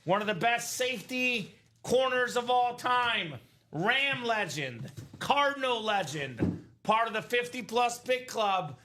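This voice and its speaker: A man in his thirties hosting a live card break, chatty and energetic, calling out names and teams. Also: very high-pitched, takes it slowly, slight background noise. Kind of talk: live stream commentary.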